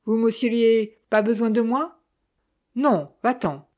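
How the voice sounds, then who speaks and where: A woman's voice: fairly high pitch, slow, a little mellow, pitched above the performer's own voice. A woman voicing an impatient, commanding wealthy old man in an audiobook reading. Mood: irritated. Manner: brusque, commanding.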